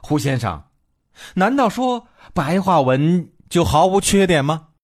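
An indignant young male student, as a man puts him on, his voice pushed high and swinging widely as he argues. The delivery is slow and husky, heard dry and close. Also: sing-song. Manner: indignant, challenging.

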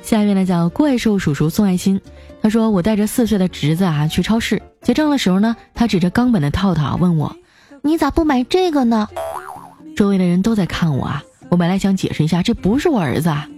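A woman from China hosts a comedy show, reading listener jokes aloud in a lively, fast manner, jumping up in pitch for quoted lines and laughing along. Soft music plays in the background.

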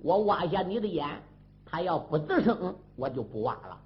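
A man's voice: fairly high pitch, very animated, moderate pace, lo-fi sound. A man voicing a scheming old court official who is a villain, menacing and gloating.

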